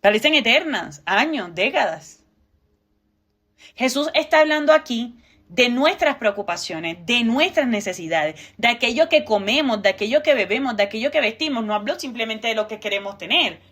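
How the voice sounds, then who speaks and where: Higher-voiced woman, earnest preacher. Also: animated, moderate pace, a bit bright. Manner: earnest, conversational preaching with rhetorical questions. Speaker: co-host.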